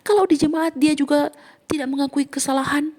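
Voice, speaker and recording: A woman pastor preaching a sermon, swinging between emphatic lines and soft whispered asides. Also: sits high, little pitch movement, fairly quick.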